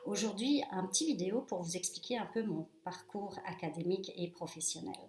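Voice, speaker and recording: A woman in her forties from France, introducing her reflexology practice in a relaxed, hesitant way with many fillers. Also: mid-range voice, a little fast, slight background noise. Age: 40s. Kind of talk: casual self-introduction to camera. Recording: echoey room.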